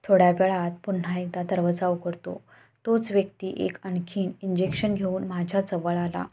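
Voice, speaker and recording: Female storyteller, low husky voice, steady read, muffled lo-fi sound. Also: normal speed. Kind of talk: scripted narration. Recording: dull lo-fi recording.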